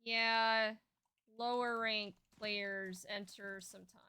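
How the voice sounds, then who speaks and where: A woman's voice: medium pitch, fairly even intonation, takes it slowly, bright, forceful tone, slight background noise. A woman streaming a fighting game, chatting casually and reading chat aloud with a laid-back, rambling manner full of fillers.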